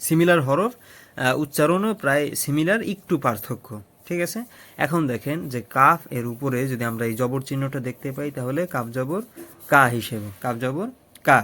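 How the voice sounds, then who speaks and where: A man's voice: mid-range voice, normal speed, sharp tone. A man teaching Arabic letters step by step, patiently repeating each syllable and often checking that the learner follows.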